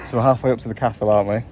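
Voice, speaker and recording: With a medium-pitched, darkish voice that swoops wildly in pitch, a young travel vlogger talks quickly as he walks outdoors through a lakeside village. Street noise is audible while he casually chats and asks his companion questions.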